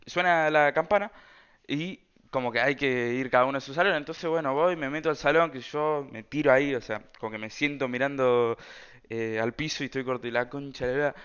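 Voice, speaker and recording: A man's voice: medium pitch, a little fast, fairly bright tone, clean tone, dull audio. A man with an Argentine Rioplatense accent telling a personal story in a casual, rambling way, full of slang and fillers. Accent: Argentine Rioplatense Spanish. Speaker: storyteller vlogger.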